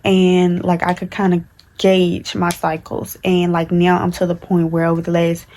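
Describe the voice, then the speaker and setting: In a rambling chat to camera, a vlogger in her early twenties talks candidly, full of fillers and restarts. Her low voice stays fairly flat in pitch throughout, at a normal speed, with slight background noise.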